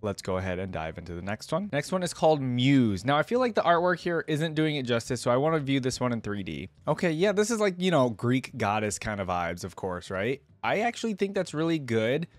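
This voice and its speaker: A young adult man hosts a video, rambling through casual reaction commentary into a desk microphone at an indoor gaming setup, peppering it with "like" and "right?". His mid-pitched voice is very animated and a little fast with hardly any pauses, and the recording is dry.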